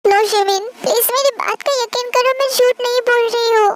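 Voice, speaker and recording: A woman's voice: very high voice, fairly even intonation, brisk. A woman voicing a defiant but frightened young wife who pleads and protests, in a storybook dub with music behind. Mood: pleading. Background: background music.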